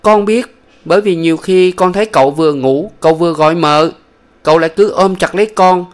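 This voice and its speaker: A man's voice: high-pitched, fairly quick, pitched above the performer's own voice, close to an everyday voice. A man voicing an earnest, talkative young boy in a storybook reading. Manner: eager, pleading, childlike.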